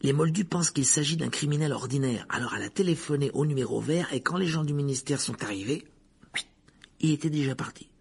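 A man voicing an excited schoolboy passing on gossip, eager and half-whispered, in a storybook reading. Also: on the high side, fairly quick, vocal fry, husky, pitched above the performer's own voice.

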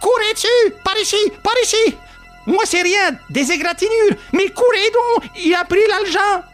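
A man voicing an injured, desperate old farm wife in an audiobook, shouting out in frantic bursts. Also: very high-pitched, normal speed, soft background music, pitched above the performer's own voice. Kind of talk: audiobook character voice.

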